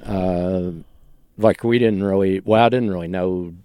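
A man chatting as a regular guest on a radio show, halting and low-key, with dry jokes. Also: fairly even intonation, warm tone, clean tone, no echo. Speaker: regular guest film reviewer. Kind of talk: casual radio chat. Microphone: studio microphone.

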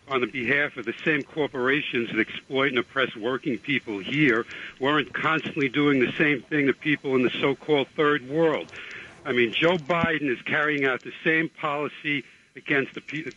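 A man calling in to a radio show over a phone line, making a firm, steady political speech. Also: fairly high pitch. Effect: caller heard over a phone line.

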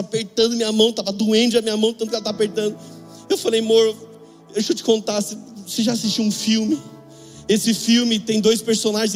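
A man's voice: sits high, big-room sound. A young man preaching in Brazilian Portuguese, telling a funny story with acted dialogue. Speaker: pastor. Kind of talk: sermon.

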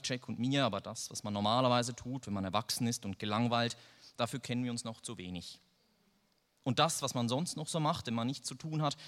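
A man's voice: medium pitch, fairly bright tone. A man reading a first-person story aloud in a dry, wry manner. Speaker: narrator. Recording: long reverb.

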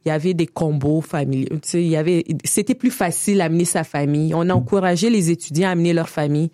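A woman in her forties from Niger, with a Quebec French accent, telling her life story in a relaxed interview, full of hesitations and laughter. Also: low-pitched, fast talker, dry recording, clean studio sound. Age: 40s. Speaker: guest. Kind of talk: casual conversational interview.

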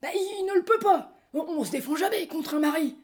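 A woman's voice: very high voice, expressive, brisk, a little mellow. A woman with a French accent reading a hot-tempered but cowardly male friend who stammers and blusters. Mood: blustering.

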